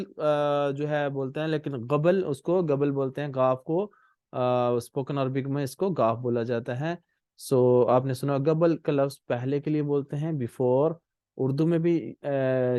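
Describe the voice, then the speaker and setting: A man's voice: a little high, a little mellow, no room sound, studio quality. Patient man teaching a language lesson. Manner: patient, repeats and spells out words. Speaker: Arabic teacher. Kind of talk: spoken Arabic lesson explained in Urdu.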